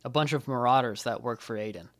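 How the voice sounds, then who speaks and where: A man's voice: medium pitch, fast, lightly acted. A man playing a guilt-ridden young male Jedi who speaks earnestly and blames himself. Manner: earnest, self-blaming, subdued.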